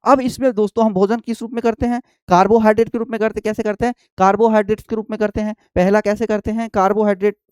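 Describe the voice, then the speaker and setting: Calling his students friends and babu, a male biology teacher preps them for exams, repeating every point and quizzing them along the way. His voice is high-pitched and a little mellow with a clean tone, in a dry, clean studio recording.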